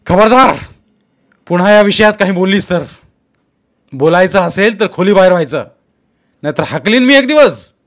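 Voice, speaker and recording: A man voicing an abusive husband who shouts threats. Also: high voice, expressive, normal speed, long pauses, voice pushed up. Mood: furious.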